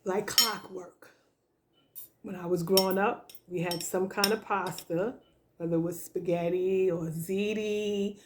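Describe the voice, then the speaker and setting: A woman of about sixty hosts a relaxed video, eating as she talks. Her pace is slow and unhurried, and her middle-pitched voice rambles warmly through homey stories with plenty of ums. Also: noisy background. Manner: slow, homey storytelling with fillers. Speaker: vlog host. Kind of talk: casual chat while eating.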